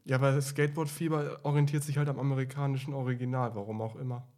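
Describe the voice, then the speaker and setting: A man's voice: mid-range voice, level tone, quick pace, a little mellow. A man co-hosting a casual podcast with dry, wry phrasing, recorded in an echoey space outside a studio. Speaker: podcast co-host. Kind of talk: casual discussion.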